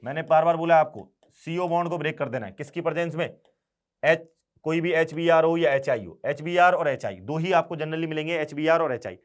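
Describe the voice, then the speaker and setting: A man teaching chemistry exam problems, urging students along with quick repeated questions and answers. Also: on the high side. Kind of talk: exam problem-solving lesson.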